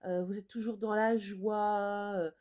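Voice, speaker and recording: A woman's voice: medium pitch, little pitch movement, measured pace, a little mellow. A woman working as an energy healer, speaking to viewers in an earnest, reflective improvised monologue. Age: adult with children.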